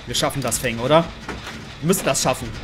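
A young man commentating his own gameplay, excitable, with panicked yelps and English words mixed into his speech. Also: medium pitch, fast, background noise. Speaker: gamer. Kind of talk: let's play commentary. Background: game music.

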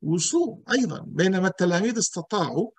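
A man's voice: high-pitched, expressive, quick pace, a little mellow, husky, no echo. A male pastor, teaching an emphatic sermon full of rhetorical questions and repetition.

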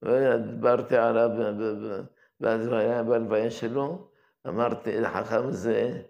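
Older male yeshiva head, gravelly voice, reminiscing lesson. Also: mid-range voice, steady tone, a little mellow, dull audio. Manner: unhurried, reminiscing, with restarts. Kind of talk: daily religious lesson, telling anecdotes.

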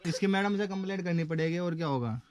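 A man's voice: high-pitched, fast talker. A young man, filming a casual home vlog on his phone and teasing his family. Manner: playful teasing. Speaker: vlogger. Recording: loud background noise.

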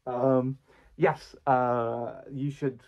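A man guesting in a comedy skit, talking in a halting, stammering way, recorded on lo-fi audio. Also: medium pitch, little pitch movement, a little mellow. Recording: lo-fi muffled recording.

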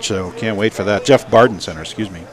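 Here a man with a voice on the low side talks at a quick pace. He provides live commentary at a bowling center, filling the gaps between shots with chat, while crowd noise and bowling sounds carry through the live broadcast.

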